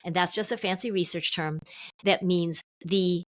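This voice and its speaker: A middle-aged woman therapist, a guest on a podcast, explaining in an animated way and acting out what her clients say. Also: fairly low pitch, normal speed, no echo. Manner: animated, acts out quotes from clients. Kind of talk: podcast interview.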